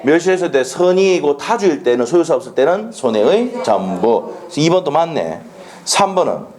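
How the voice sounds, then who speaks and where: A man teaching a law exam prep class in a classroom, animated and drilling students with quick questions. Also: fairly high pitch. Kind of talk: classroom lecture. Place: lecture classroom.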